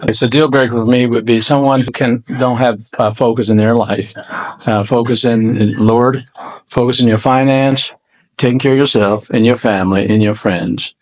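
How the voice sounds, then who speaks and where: A man contestant on a dating show. He speaks earnestly but haltingly, at an average pitch. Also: fairly even intonation, poor audio. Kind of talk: casual chat.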